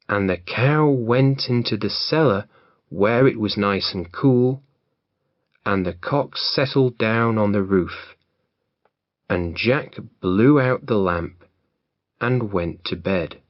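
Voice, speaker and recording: Slow, deliberate male storyteller. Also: lowish voice, dry recording, highs cut off. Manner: clear, deliberate. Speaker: reader. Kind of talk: slow reading of a fairy tale for learners.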